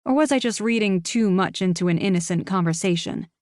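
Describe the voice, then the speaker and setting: A woman reading a cozy mystery audiobook in the first person, with animated, self-mocking storytelling. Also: mid-range voice, a little fast, no room sound, studio quality. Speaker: audiobook narrator.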